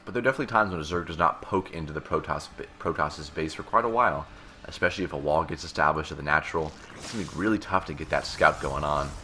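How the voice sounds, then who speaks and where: A man's voice: rumbling low, quick pace, bright, forceful tone, slight background noise. A man giving joking play-by-play commentary on a strategy video game match. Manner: joking, banters with co-caster. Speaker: esports caster.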